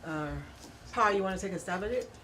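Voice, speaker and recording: A woman's voice: mid-range voice, brisk, a little hiss or hum. Woman hosting a studio talk show. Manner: welcoming, steady interviewer.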